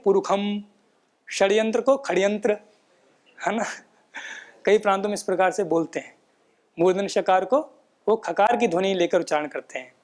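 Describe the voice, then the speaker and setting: A man giving a patient, explanatory lesson on pronunciation, often checking in with tag questions and chanting rules in a measured recitation. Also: high-pitched. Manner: patient, repeats points with frequent "है ना" tag questions. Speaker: Sanskrit pronunciation teacher. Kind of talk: explanatory lecture.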